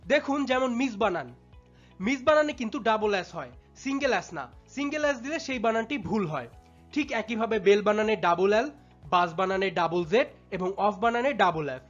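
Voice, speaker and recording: Female teacher, higher voice, measured explanatory narration, dull lo-fi recording. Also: fairly bright tone. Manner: measured, explanatory, addresses students directly. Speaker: English spelling teacher. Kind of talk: scripted instructional narration. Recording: dull lo-fi sound with faint music.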